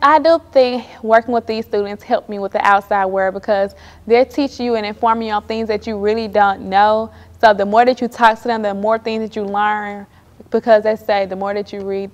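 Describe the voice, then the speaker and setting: A woman giving earnest, loosely phrased interview answers with occasional fillers. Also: medium pitch. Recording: echoey room with long reverb.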